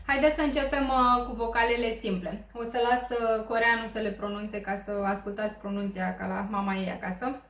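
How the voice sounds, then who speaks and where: A woman's voice: a little high, steady tone, hardly any pauses, fairly bright tone. Patient Romanian woman teaching, roomy sound. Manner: patient, explanatory, many hesitant fillers. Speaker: Korean language teacher. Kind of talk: online language lesson. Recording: roomy echo.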